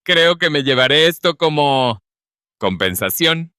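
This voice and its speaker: A man's voice: a little high, lively intonation, a little slow, sharp tone, no echo, studio quality, voice pushed up. A man voicing a menacing drunk red-bearded male outlaw in a western story, speaking in a sneering, mocking way.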